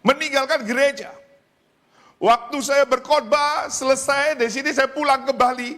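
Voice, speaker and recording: A male pastor with an Indonesian accent preaching a sermon in a church, telling stories, often calling out to the congregation, and jumping from loud high cries to low quiet asides. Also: fairly even intonation, moderate pace. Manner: storytelling with repeated address to the congregation.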